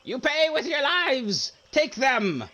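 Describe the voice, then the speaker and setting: A man's voice: very high-pitched, very animated, slow pace, pushed and bright, voice pushed up, full character voice. A man voicing a shrieking, bossy male goblin chief who barks orders at his troops. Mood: furious.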